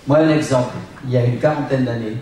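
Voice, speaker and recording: An outspoken man in his sixties, a veteran singer, talks bluntly on a convention panel. He sounds distant in a very echoey hall, with clear noise behind him. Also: medium pitch, steady tone, fast talker, warm tone.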